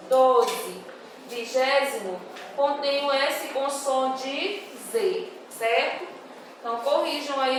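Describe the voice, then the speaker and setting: A woman, a primary school teacher going over homework answers with young children, patient and drawing her words out clearly. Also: high-pitched. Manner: slow, patient, reads words out syllable by syllable for young pupils. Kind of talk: recorded homework correction for children. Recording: very echoey room, voice far from the mic, faint noise.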